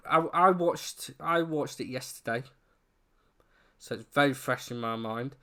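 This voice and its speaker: Man, medium pitch, casual film chat, informal, imprecise R's. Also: unhurried, bright, forceful tone. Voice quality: trouble pronouncing his R's. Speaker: co-host of a film review show.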